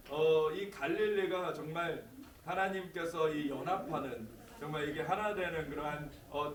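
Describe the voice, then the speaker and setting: A man leading prayer and preaching outdoors at a lookout, speaking with fervent, rising proclamation. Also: a little high. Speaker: prayer trip leader. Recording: echoey, distant, noisy outdoor video.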